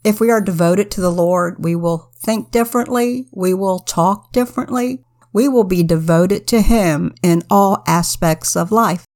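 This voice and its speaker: A woman's voice: fairly low pitch, measured pace, few pauses, darkish tone. A woman co-hosting a Bible podcast, giving earnest, preacherly devotional commentary. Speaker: podcast co-host.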